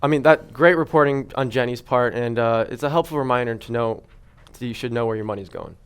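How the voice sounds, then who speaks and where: Young guy doing school news anchor bits, clear smooth voice. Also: mid-range voice, a little fast.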